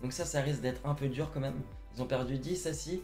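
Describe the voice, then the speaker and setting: A young man co-hosting a casual football chat, talking fast and directly to viewers. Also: medium pitch, a little mellow, faint music behind. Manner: chatty, addresses viewers as "les gars". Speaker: football channel co-host.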